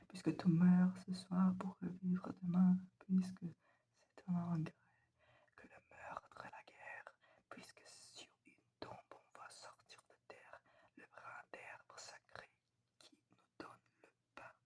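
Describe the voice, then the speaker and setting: A woman giving a whispered ASMR poetry reading, soft, breathy and quiet as if late at night, reciting deliberately with pauses. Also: fairly low pitch. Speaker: reader of poetry.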